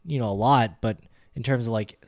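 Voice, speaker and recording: A man's voice: medium pitch, moderate pace, darkish tone, dry recording. A young man talks in a loose, chatty way and fills his sentences with "like" on a casual podcast. His voice is recorded close and dry, with no room sound around it. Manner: loose and chatty, heavy use of "like", joking asides. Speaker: podcast co-host.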